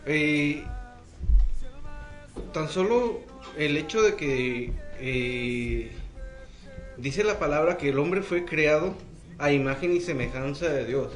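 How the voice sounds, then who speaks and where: A man's voice: on the high side, lively intonation, takes it slowly, long pauses. Preacherly man, faint music. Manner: agreeable, preacherly, checks for agreement.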